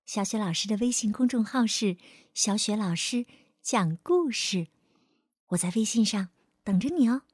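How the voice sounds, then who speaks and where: A woman telling a storybook tale to small children in a gentle, coaxing way. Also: medium pitch, expressive, moderate pace, breathy edge, no room sound, clean studio sound.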